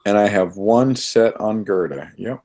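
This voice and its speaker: A man's voice: lowish voice, measured pace, darkish tone. A man chatting casually and joking as a player in a tabletop game session.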